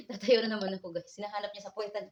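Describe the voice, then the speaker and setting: A woman's voice: mid-range voice, very fast, echoey room, recorded from a distance, dull audio. A woman vlogging at home, talking playfully to her cat and laughing often. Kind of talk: casual vlog chat with her cat. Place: indoors at home, in a bedroom.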